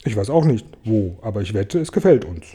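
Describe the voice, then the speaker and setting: A man voicing a kindly old male grasshopper who speaks brightly and encouragingly. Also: fairly low pitch, sing-song, fairly quick, slightly rough.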